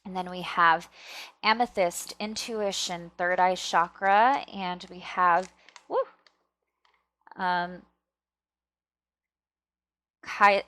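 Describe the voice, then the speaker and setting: A woman's voice: lowish voice, fairly even intonation, slow, fairly bright tone, dry recording. A woman hosting a casual pick-a-card reading, chatting to viewers and often checking in, with slightly thick-tongued, stumbling articulation. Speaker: tarot reader and video host.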